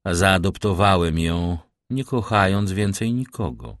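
A man voicing a reserved, melancholy nobleman who gives low, measured replies. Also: dry recording, studio quality. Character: grave, reserved nobleman count, middle-aged man.

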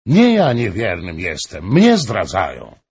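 A man's voice: lowish voice, huge pitch swings, takes it slowly, darkish tone, husky, exaggerated voice. A man voicing a passionate, pleading king in a storybook reading, raised and theatrical.

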